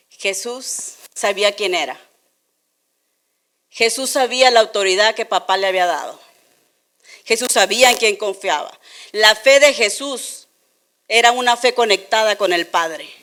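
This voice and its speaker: A woman from Tijuana with a northern Mexican accent, telling a Bible story to a young congregation in a playful, animated way, with many rhetorical questions. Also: medium pitch, unhurried, long pauses. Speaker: children's church teacher. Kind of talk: lively Bible lesson sermon.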